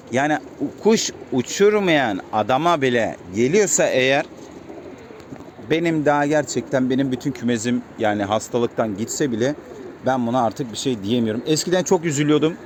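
A man keeping pigeons, talking casually to his viewers and calling to the birds with quick repeated commands. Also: mid-range voice. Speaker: pigeon keeper vlogger. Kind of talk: casual vlog talk to viewers. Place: outdoors on a rooftop pigeon loft. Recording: faint outdoor noise. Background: birds and city sounds.

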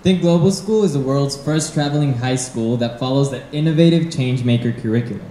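Teen guy from ecuador hosting, warm mellow voice, echoey hall. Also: mid-range voice, a little fast, slight background noise. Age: teens. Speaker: student co-host. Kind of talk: scripted event hosting. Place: large event hall. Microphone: handheld microphone. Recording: echoey hall with handheld mic.

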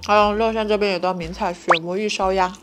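A woman's voice: mid-range voice, steady tone, fast talker, faint music behind. A young woman food vlogger giving casual, enthusiastic and emphatic commentary as she eats in a small room. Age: young adult. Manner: enthusiastic, emphatic with repeated words; talks while eating.

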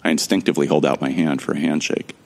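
Fast and level-toned, with a darkish quality, an extremely deep male voice with gravelly fry narrates a sci-fi audio drama in the first person as its protagonist. His delivery is wry and casual, sprinkled with jokes and the occasional swear word.

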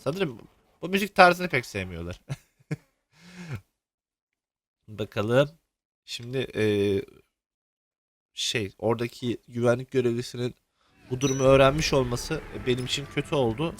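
A man's voice: mid-range voice, animated, moderate pace, faint music behind. A young man commenting on a video game while he plays, joking and cursing at the characters. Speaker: gameplay commentator. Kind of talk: let's play commentary.

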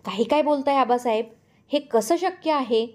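A woman's voice: high-pitched, normal speed, darkish tone, pitched above the performer's own voice, lightly acted. A woman reading a story aloud, voicing a pushy middle-aged male lawyer who is insistent and falsely polite. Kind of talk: audiobook character voice.

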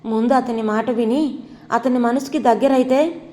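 A woman's voice: a little high, steady tone, moderate pace, darkish tone, big-room sound, natural voice. A woman voicing a stern, worried mother who firmly lectures her grown daughter. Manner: firm, lecturing.

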